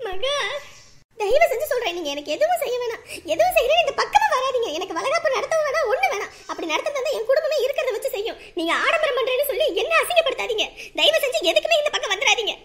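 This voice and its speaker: Shrill furious young daughter, loud and accusing, played by a woman. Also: big pitch swings, quick pace, heavy background noise. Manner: shouting accusations. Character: angry young pregnant daughter shouting on the phone. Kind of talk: family drama acting.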